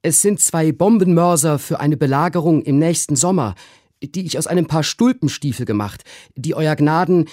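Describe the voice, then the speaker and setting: A man's voice: normal speed, no echo, clean studio sound, close to an everyday voice. A man voicing an eager, deferential old male servant, a former corporal, in a literary reading. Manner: high, excited, bowing politeness.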